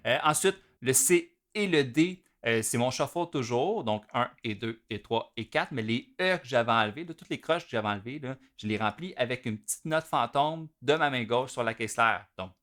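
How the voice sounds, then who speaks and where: A man's voice: medium pitch, expressive, normal speed, hardly any pauses, fairly bright tone. A man with a Québécois French accent, a drum teacher explaining rhythms step by step and counting the beats aloud. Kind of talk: instructional video explanation.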